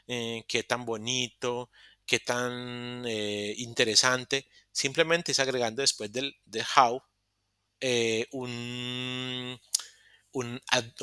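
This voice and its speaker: Male teacher, online lesson, patient step-by-step explainer with a bright tone on a dry, close computer mic. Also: mid-range voice, clean tone, no echo. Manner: explains step by step, repeats phrases, self-corrects. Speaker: English teacher. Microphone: computer microphone in a virtual session.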